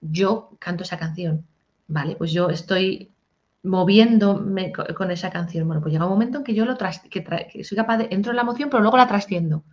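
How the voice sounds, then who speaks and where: A woman, a singer-songwriter and music teacher talking casually in an interview, animated and chatty. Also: medium pitch, brisk. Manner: animated, sings short improvised snippets. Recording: dull lo-fi audio.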